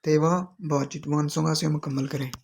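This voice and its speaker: Male teacher, even flat delivery, slow repetitive explanations. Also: a little high, creaky, slight background noise. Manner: explains each word slowly and repeats it. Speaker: Korean language teacher. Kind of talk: explaining vocabulary in a lesson.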